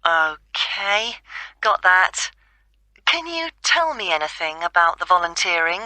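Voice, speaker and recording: A woman playing an interested, inquiring caller in a scripted phone dialogue, brisk in manner. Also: on the low side, big pitch swings, pushed and bright, no echo, heavily acted, low-quality recording. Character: interested woman caller asking about volunteering. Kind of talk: scripted listening-test dialogue.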